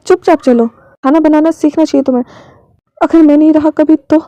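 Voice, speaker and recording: A woman voicing a protective older brother who talks softly and haltingly while hiding his grief. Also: high voice, steady tone, no echo, lo-fi sound, close to an everyday voice. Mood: gentle. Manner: soft, halting, choked.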